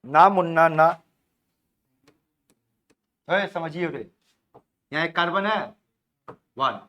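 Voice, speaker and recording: A man's voice: fairly high pitch, sharp tone. A man teaching chemistry in a classroom, coaxing students, repeating their answers back and prompting them by name.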